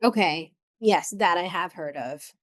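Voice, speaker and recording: Speaking a little slowly in a lowish voice, a middle-aged Dominican woman tells the story of her career as a therapist. She is a guest in a conversational interview and sounds reflective, often pausing with ums and starting over.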